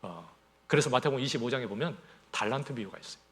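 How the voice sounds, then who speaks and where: A man's voice: medium pitch, quick pace. A middle-aged man, a pastor, giving a sermon and acting out quoted dialogue. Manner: animated preaching, voices quoted dialogue.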